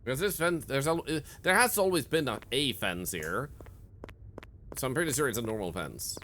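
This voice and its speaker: Excitable, bright-voiced male game streamer. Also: medium pitch, moderate pace, slight background noise. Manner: excitable, laughs often, yelps and shouts at sudden scares. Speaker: streamer playing a horror game. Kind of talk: live gameplay commentary.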